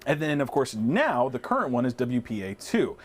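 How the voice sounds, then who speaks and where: A man's voice: mid-range voice, very animated, normal speed. A man co-hosting a tech webinar, casually explaining Wi-Fi step by step with frequent restarts. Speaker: webinar co-host.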